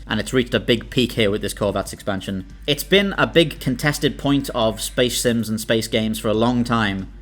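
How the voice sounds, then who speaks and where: A British man hosts a video, delivering scripted, essay-style narration in a lowish, slightly bright voice, with background music under it.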